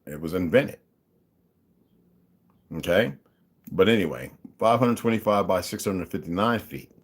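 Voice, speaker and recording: A low, expressive male voice moves at an unhurried pace. The man runs his own channel and delivers a casual monologue of his opinions, punctuated by emphatic mockery, with figures read aloud and listeners asked to follow.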